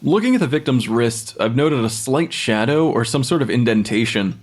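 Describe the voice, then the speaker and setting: The same blunt young pathologist from the audio drama comes through in an expressive, natural mid-range voice at normal speed. The actor keeps the delivery detached and clinical, formally dictating his notes as plain fact.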